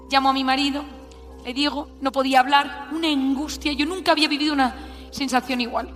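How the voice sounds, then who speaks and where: High-voiced woman, Spanish accent, animated storyteller, long hall reverb, faint music behind. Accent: Spanish (Spain). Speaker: speaker giving a talk. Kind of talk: storytelling talk to an audience. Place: large hall with audience.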